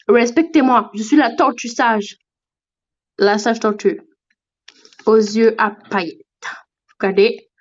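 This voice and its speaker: A woman's voice: a little high, muffled recording. A woman voicing an ancient, indignant female tortoise in a toy role-play on a livestream. She huffs and demands respect. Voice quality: huffy and pompous, keeps demanding respect.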